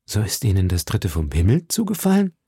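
A man voicing a grave, older musketeer leader who speaks calmly and with command. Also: lowish voice, fairly quick, husky, dry recording, studio quality, full character voice. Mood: wry. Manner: calm, commanding.

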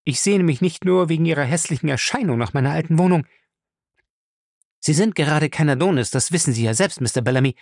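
Guy putting on a shrill young wife, scared of the castle but snappy, way up high with a gravelly edge. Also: expressive, quick pace, a little mellow, no echo, studio quality. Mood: frightened defiant. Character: spirited young wife, frightened but sharp-tongued.

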